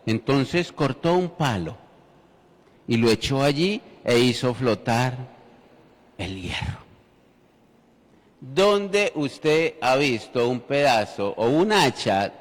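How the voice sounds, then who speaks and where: A man preaching a sermon in church, telling the story with humor and speaking directly to the congregation. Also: mid-range voice. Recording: reverberant church hall.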